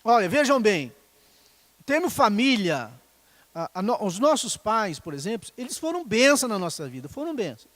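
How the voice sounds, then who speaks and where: A middle-aged Brazilian pastor preaches a sermon in a high, light, fairly bright voice with a sing-song lilt at normal speed. He keeps it conversational, often turning to the congregation with short questions. The sound is dry and close, with no room echo.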